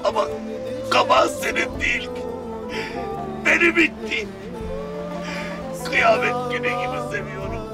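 A man acting a distraught husband in a melodramatic TV scene, swinging between sobbing lines and shouts. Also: extremely high pitch, expressive, a little slow, long pauses. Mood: overwrought. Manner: overwrought, swings from sobs to shouts. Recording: distant voice over loud violin music.

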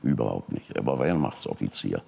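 An older man, a talk show guest, telling a personal family story and acting out the people he quotes. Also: brisk. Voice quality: very deep, gravelly and husky. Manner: animated retelling, voicing quoted people.

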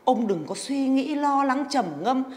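A woman's voice: sits high, measured pace, darkish tone. An actress playing a practical older wife, who coaxes her husband and speaks firmly. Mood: coaxing. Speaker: grandmother in a TV drama. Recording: reverberant set.

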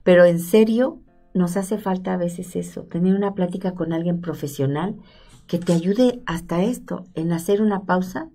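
A woman's voice: on the low side, normal speed, mellow, soft background music. A middle-aged woman hosting a studio interview, agreeing with her guest and adding emphatic remarks. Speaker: talk show host. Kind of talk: casual interview chat. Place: studio with stone wall, seated at table. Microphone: desk microphone.

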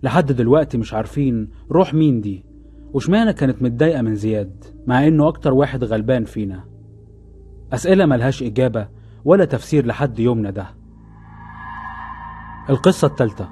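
A man with an Egyptian Arabic accent recounts scripted horror stories in the first person, building suspense over background music. He talks fast with lively intonation and frequent pauses, and his medium-pitched voice has a warm tone.

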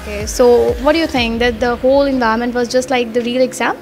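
Quick-talking girl doing vox pop questions, highish voice, handheld mic. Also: fairly even intonation, soft background music. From India. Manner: brisk, prompting questions. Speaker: interviewer. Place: small indoor room by a plant. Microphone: handheld microphone.

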